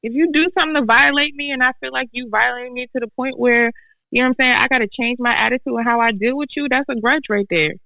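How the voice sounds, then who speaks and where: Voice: mid-range voice, steady tone, quick pace, gravelly, sharp tone, dry recording, rough recording. A podcast co-host talking bluntly and emphatically, repeating points for effect in casual chat.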